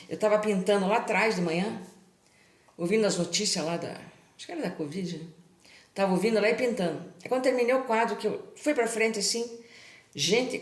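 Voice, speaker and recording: A woman's voice: mid-range voice, echoey room. A middle-aged Brazilian woman telling a personal story to her viewers in a chatty way, often adding tag questions. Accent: Brazilian Portuguese. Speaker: channel host.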